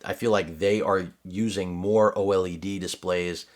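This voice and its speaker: A man's voice: deep voice, steady tone, moderate pace. A middle-aged man reviewing a laptop in his home studio, talking casually and wandering off on sarcastic tangents. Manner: rambling, digressive, sarcastic asides. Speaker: tech reviewer. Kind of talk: casual unboxing commentary.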